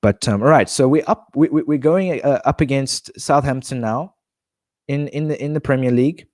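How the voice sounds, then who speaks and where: A man's voice: medium pitch, moderate pace, a little mellow, no room sound, studio quality. A man streaming a football manager game, talking casually and rambling with restarts, his nose blocked. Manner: chatty, rambling, many restarts and fillers. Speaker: gaming streamer.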